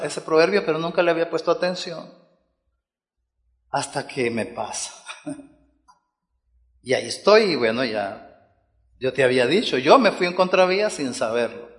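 A pastor preaches in a fairly high, light voice. He keeps the sermon conversational and often checks in with the congregation. His voice rings out in a long, reverberant hall. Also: expressive, moderate pace, pauses often. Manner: conversational preaching with frequent "¿verdad?" asides to the congregation.

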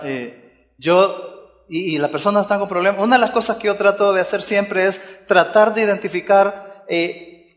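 A man's voice: high-pitched, long reverb tail. A man preaching a sermon as pastor, talking to the congregation in a conversational way and often tagging on "¿verdad?".

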